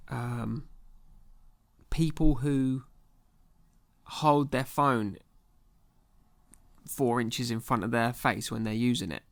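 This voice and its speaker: A young man hosts his own show in a casual, comedic rant. His voice is gravelly with a rough creak at the bottom, set at an everyday middle pitch. He sounds exasperated and sarcastic and leans heavily on slang. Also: fairly even intonation, slow pace, pauses often. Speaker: podcast host.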